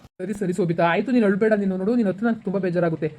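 A man playing a calm, reassuring husband in an amateur village family drama. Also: sits high, very fast. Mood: soothing. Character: gentle, patient rural husband.

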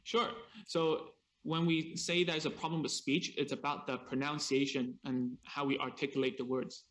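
A man with a slightly higher voice gives a seminar over a video call. He speaks in short explanatory chunks and pauses for an interpreter, adding casual asides as he goes. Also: level tone, fairly bright tone. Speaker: speech therapist presenter.

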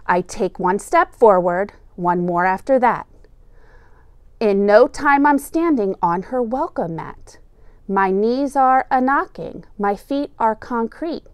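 Reading a picture book to children, a middle-aged teacher uses a deliberate, expressive storytelling style. Her voice sits in the mid range and sounds smooth, free of echo.

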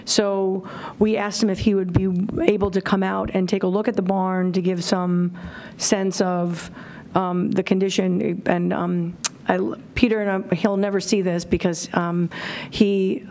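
A woman's voice: mid-range voice, level tone, normal speed, darkish tone. A middle-aged woman presenting findings at a public town committee meeting, speaking plainly and informally, recorded on a desk microphone in a town hall auditorium. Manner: plain, informal, many fillers. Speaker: town services director leading a committee meeting.

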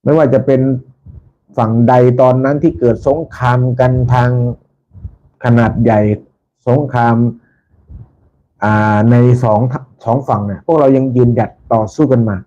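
Mellow-voiced Thai man chatting to fans. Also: medium pitch, measured pace. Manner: polite, repeats himself, ends lines with soft particles. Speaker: channel host. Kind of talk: casual live-stream talk to fans. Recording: dull lo-fi sound with faint background noise.

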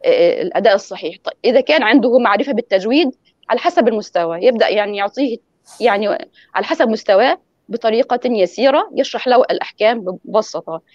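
A woman's voice: fairly high pitch, lively intonation, fast, no room sound, dull audio. A woman teaching in an online lecture, explaining pronunciation rules and demonstrating examples over a call. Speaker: guest lecturer on Quran recitation.

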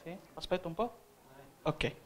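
A man's voice: on the high side, unhurried. A man from Italy leading a church sermon, his voice sitting a little above the usual male range. He keeps checking in with the congregation, asking "Amen?" between his points. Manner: calls out "Amen?" to the congregation often. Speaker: evangelist. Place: church hall.

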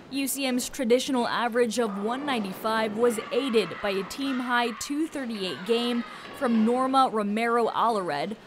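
A woman reads a scripted sports recap in a slightly high voice and an even tone. A clear wash of arena noise sits behind her. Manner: even, reads scores and results. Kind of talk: scripted narration.

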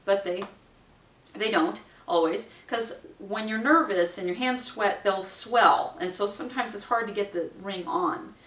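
A woman's voice: mid-range voice, a little slow, recorded from a distance. A woman in her forties talks new ministers through a wedding ceremony in a chatty, practical way, now and then acting out people's lines. Her voice sits in a mid range. It is picked up by a camera some way off, so the sound is roomy and echoey. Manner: chatty, practical, acts out quotes with a bright lilt. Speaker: wedding minister giving training. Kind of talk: instructional talk to camera. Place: small room at home, indoors. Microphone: camera mic at a distance.

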